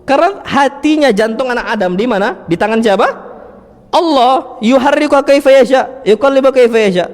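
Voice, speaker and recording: Male preacher, high voice, lively anecdotes, reverberant mosque recording. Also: fairly quick. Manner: animated storytelling with Arabic phrases. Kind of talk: religious study talk.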